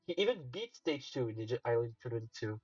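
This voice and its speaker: A young man commentating a game competition play-by-play, halting with fillers and restarts, then breaking into excited shouts. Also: mid-range voice, no room sound. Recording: distant dull mic with faint music.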